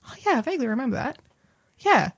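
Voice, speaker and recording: An Australian woman hosting a casual Bible discussion, retelling the story with lively acted-out asides. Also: sits high, husky, dry recording, studio quality. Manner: animated, acts out characters in quick asides. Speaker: Bible study host.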